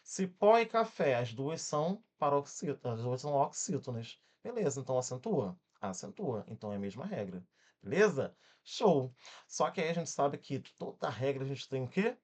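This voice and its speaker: Energetic and mid-range in pitch, a Brazilian-accented man runs an exam-prep grammar class. He breaks words into syllables as he spells them and keeps checking in with quick questions.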